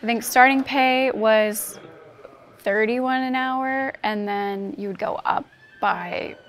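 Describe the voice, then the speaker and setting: A woman in her twenties, a former nurse now studying, chatting in a relaxed, conversational way. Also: on the high side, takes it slowly. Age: 20s. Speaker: former nurse, physician assistant student. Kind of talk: casual panel chat. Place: indoor cafe.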